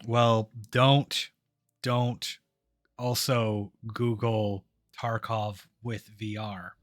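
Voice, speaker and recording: Male streamer, sardonic, unhurried delivery, dead dry room. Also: lowish voice, little pitch movement, dry recording. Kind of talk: casual gaming stream chat.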